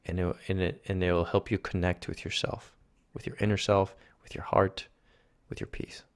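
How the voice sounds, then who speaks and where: A man from Argentina, a spiritual mentor as guest, talking in a soft, earnest, gently encouraging way. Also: sits low, little pitch movement, normal speed, clean tone. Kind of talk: reflective conversation.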